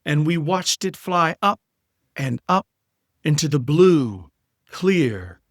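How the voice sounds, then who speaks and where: A middle-aged man, reading his own poem aloud in a measured, wry storytelling way. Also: on the high side, big pitch swings, no room sound, clean studio sound. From South Carolina. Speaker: poet. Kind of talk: poetry reading.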